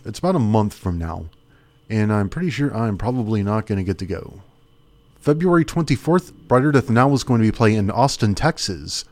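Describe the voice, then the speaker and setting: A man's voice: lowish voice, lively intonation, brisk, a little mellow. A man hosting a small radio music show, chatting casually and rambling as he thinks aloud. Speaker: radio host.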